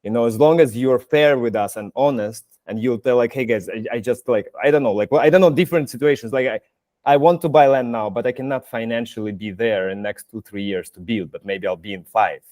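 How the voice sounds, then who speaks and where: Laughing, animated male host. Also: mid-range voice, brisk, no echo. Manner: animated, laughing, restarts sentences. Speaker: community project host. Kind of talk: casual online Q&A. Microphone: video call.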